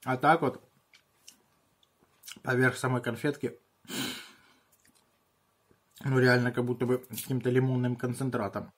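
A man in his thirties chatting casually on a home vlog in halting short bursts while he handles and tastes things, with a husky voice. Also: medium pitch, flat delivery. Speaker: video host tasting candy. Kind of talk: casual vlog chat with muttered reactions. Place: small room at home.

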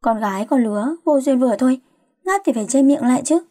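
A fussy, worried middle-aged mother who keeps nagging and scolding, as a woman reads her part. The voice sits fairly high and warm, and the recording is dry and close. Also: animated, quick pace, dry recording.

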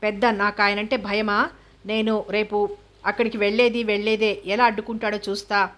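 A woman voicing a young schoolteacher, a proud and defiant woman, in an even, restrained delivery. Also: medium pitch, moderate pace, lightly acted. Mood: indignant.

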